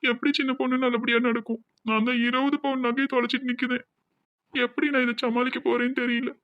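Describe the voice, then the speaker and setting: A man's voice: very high-pitched, flat delivery, fast, no room sound, lo-fi sound. A man voicing a distraught young village man with a Tirunelveli accent, talking in an anxious, pleading, tearful way in a cartoon. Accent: Tirunelveli Tamil.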